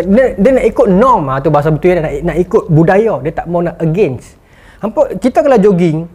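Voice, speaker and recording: A man giving a motivational lecture. His voice rides high as he spins stories and acts out the people in them. The delivery is lively and conversational. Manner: animated storytelling, acting out quotes. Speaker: motivational speaker.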